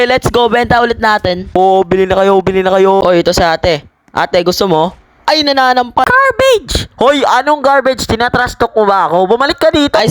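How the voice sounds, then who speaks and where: A young Filipino man giving playful, excitable commentary while playing a game. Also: high voice. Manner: excitable, playful, switches between Tagalog and English. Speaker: gaming content creator. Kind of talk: casual gameplay commentary. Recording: faint game music behind.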